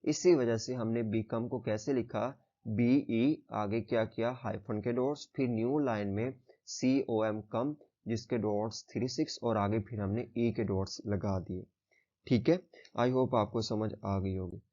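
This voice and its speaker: A patient male braille teacher walks through the rules one step at a time, often saying "theek hai" and "okay" to make sure his listener follows. His voice is lowish with a dark tone and a slightly slow pace. The lo-fi recording sounds a little dull.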